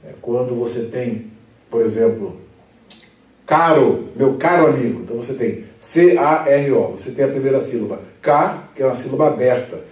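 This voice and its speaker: A man, a pastor leading a Bible study lesson, who explains patiently, reads scripture slowly and with emphasis, and chuckles often. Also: mid-range voice, a little mellow. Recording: echoey room, mic at a distance.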